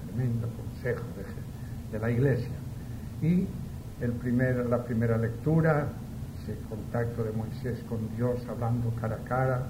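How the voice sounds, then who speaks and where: Priest preaching in a cathedral-like echo. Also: male voice, medium pitch, measured pace. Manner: earnest, conversational preaching with rhetorical questions. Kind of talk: liturgical Gospel reading and informal homily. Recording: echoey church sound, clear background noise.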